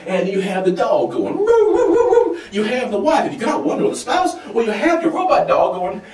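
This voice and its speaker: A man delivering a rambling comic rant, swinging wildly in pitch and loudness and laughing as he goes. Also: big pitch swings, fairly quick, crowd noise. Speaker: comic monologue host. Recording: roomy echo, distant from mic.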